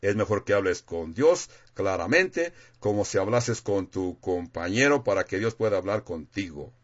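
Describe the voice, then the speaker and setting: A man delivers a sermon in an easy, conversational tone, reading verses aloud and explaining them plainly. His voice sits fairly low. The recording sounds dull and lo-fi. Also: animated, moderate pace. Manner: conversational, plain-spoken, reads scripture aloud. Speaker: preacher.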